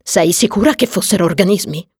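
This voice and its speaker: A woman's voice: on the low side, brisk, breathy edge, no room sound, clean studio sound. A woman voicing a blunt, earthy working woman who scoffs and mocks in an audiobook. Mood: scornful. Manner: brusque and mocking. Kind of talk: audiobook character voice.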